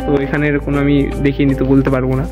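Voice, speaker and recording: A young man with a Kolkata Bengali accent, chatting rapidly as he walks a friend through a museum for his vlog. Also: mid-range voice, monotone. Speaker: vlogger. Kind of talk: casual walking vlog. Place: museum grounds in Kolkata, walking. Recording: dull lo-fi with music underneath.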